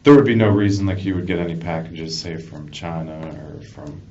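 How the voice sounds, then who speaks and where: In a police interview room, a man acting as detective questions a suspect in a halting, repetitive way, with frequent acknowledgements. He has a low-pitched, steady, slightly mellow voice. The recording, made on a distant room mic, sounds far-off, muffled and noisy.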